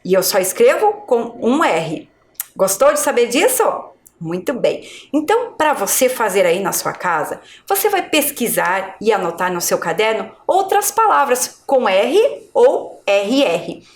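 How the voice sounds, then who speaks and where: A Brazilian woman teaching a video lesson to young children, with slow, clear, exaggerated pronunciation. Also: on the high side, very animated. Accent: Brazilian Portuguese. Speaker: primary school teacher. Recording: echoey room.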